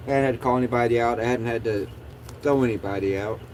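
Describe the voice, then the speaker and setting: A man's voice: medium pitch, quick pace, darkish tone, a little hiss or hum. A man chatting casually as a livestream host in a laid-back, rambling stoner drawl.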